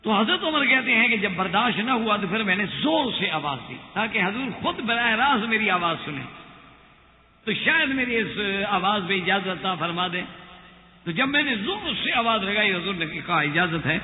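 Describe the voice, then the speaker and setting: A man preaching a sermon who retells stories with acted dialogue and chants scripture slowly. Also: sits high, animated. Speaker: Islamic preacher. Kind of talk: Urdu sermon with storytelling. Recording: tinny lo-fi with long reverb.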